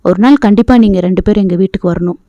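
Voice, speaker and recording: A woman's voice: medium pitch, rapid-fire, dark tone, dry recording, close to an everyday voice. A woman voicing a stern young husband in an audio novel, speaking curtly. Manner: curt, clipped. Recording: dull lo-fi dry recording.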